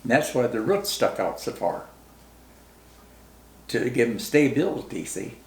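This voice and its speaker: A very old man with a rural American Midwestern accent and a gravelly voice, remembering his life as a veteran in a halting, plain-spoken, folksy way during a casual interview. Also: medium pitch, big pitch swings. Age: very old, 90s. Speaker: war veteran being interviewed. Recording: roomy, echoing interview recording.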